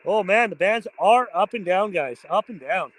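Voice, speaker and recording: A man's voice: sits high, animated, normal speed, a bit bright, a little hiss or hum, poor audio. A man hosting an informal amateur radio vlog, mixing chatty remarks with phonetic callsign calls. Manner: informal, chatty, addresses viewers as guys. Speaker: amateur radio operator, host.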